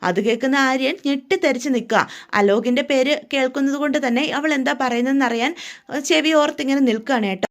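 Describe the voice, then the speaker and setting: High-voiced woman retelling a serial. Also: fast. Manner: chatty, tags lines with a casual "you know"; voices the characters' quoted lines with feeling. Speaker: storyteller recapping a serial. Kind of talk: casual spoken story recap.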